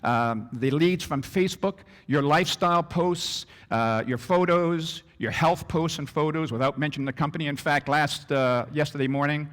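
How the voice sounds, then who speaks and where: A man with a fairly high voice presents a business training session in a hall with a long echo. He talks in an animated way and acts out little scenes in other voices to make his points. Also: normal speed, hardly any pauses. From Canada. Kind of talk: presentation to an audience.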